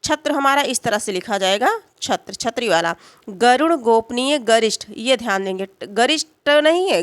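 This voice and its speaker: A woman with a fairly high voice teaches grammar in an unhurried, patient way. She keeps asking a question and answering it herself, with many small fillers and check-ins. The recording is dry and close, with no room sound. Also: fairly bright tone, no echo. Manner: explains slowly, asks and answers her own questions. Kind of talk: exam-prep grammar lesson.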